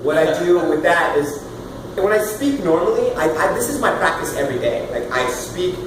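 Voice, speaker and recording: A man in his thirties leading a casual singing workshop, loud and animated, swearing now and then and demonstrating sounds as he explains. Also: a little high, normal speed. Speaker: vocal coach. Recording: roomy, far from the mic, with room noise.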